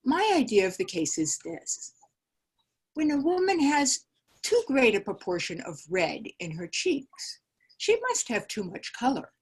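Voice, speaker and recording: A woman reading the part of a cool, composed genteel older lady who lectures in a measured, prim way, over a video call. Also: mid-range voice, slightly rough.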